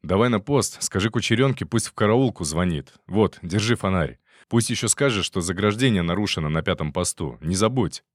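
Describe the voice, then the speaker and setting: Man doing a gruff barking army sergeant. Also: low-pitched, lively intonation, a little fast, hardly any pauses, no room sound, studio quality. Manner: barking orders, rude.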